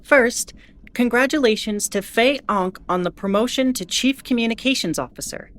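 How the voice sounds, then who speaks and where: A woman playing a starship captain who gives formal, measured bulletins with dry asides in an audio drama. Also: on the high side, fairly bright tone, close to an everyday voice. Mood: formal, composed. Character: female starship captain reading an official ship bulletin. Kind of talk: scripted in-character announcement, audio drama.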